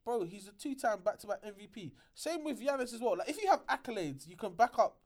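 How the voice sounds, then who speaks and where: A man's voice: sits high, lively intonation, quick pace. A man chatting casually about sport as a podcast co-host, slangy and emphatic, restating his points.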